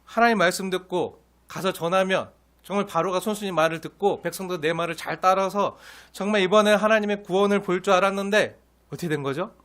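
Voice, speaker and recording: A male pastor preaching with a high, bright-sounding voice, animated and expressive. He keeps putting questions to his congregation and answers them himself. His delivery swings widely in pitch. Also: fairly quick. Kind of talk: expository sermon.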